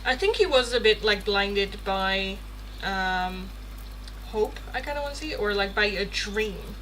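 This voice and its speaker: A Dutch woman from the Netherlands hosts a live tarot stream, chatting casually and expressively with viewers and swearing playfully. Her voice is medium-pitched and her pace measured. The recording is low quality, with clear background noise.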